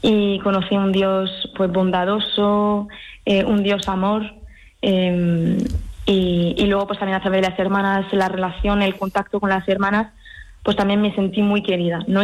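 A woman raised in France, now a nun, recounts her calling in a gentle, thoughtful voice. She talks slowly and reflectively, often hesitating and starting her sentences over. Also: mid-range voice, lo-fi sound. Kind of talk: personal vocation testimony.

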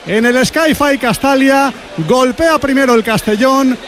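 A man giving excited, emphatic Spanish-style goal commentary on a football match. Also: very high-pitched, unhurried, a faint crowd. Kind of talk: Spanish-style goal commentary, repeated goal shouts and fast recap.

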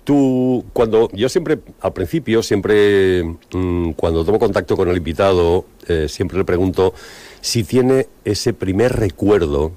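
A man's voice: low-pitched, a little slow, mellow, no echo. A man hosting a radio interview, reading a scripted introduction and then chatting with filler words. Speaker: radio host.

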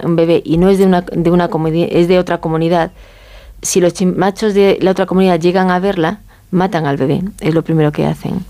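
As an interview guest, a woman from Galicia with a Castilian Spanish accent explains things informally in a mellow, soft-edged voice that sits a little low. Conversational in manner, she often finishes phrases with a short checking question to seek agreement.

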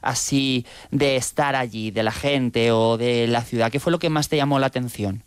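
A man co-hosting a casual radio chat, upbeat and teasing, quick to laugh. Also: medium pitch, fairly even intonation, clear, resonant tone, no echo. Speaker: radio co-host.

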